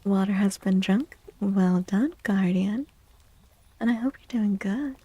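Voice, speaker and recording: Speaking softly in an ASMR style, a woman streamer gives a tarot reading, her gentle, deliberate delivery often dropping close to a whisper. Her medium-pitched voice is husky, with pauses and repeated phrases, and the audio has no echo.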